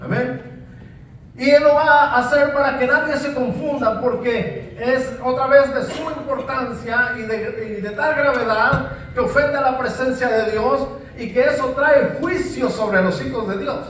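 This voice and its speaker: A man's voice: extremely high pitch, unhurried, a bit bright, a little hiss or hum. A man preaching a sermon, emphatic, often repeating words and saying amen. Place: church hall. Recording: very echoey church hall, mic at a distance.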